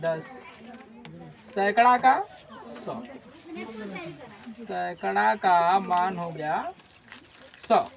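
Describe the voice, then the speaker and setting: A man's voice: sits high, extremely slow, vocal fry, long pauses, a bit bright, muffled recording. A male teacher giving a classroom maths lesson, repeatedly quizzing his class and answering his own questions.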